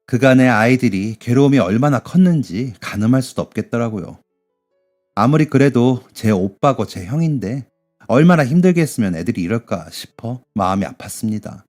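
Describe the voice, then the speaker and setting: A man reading a listener's sad life story aloud in the first person, in a steady, mournful way. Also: medium pitch, normal speed, soft background music.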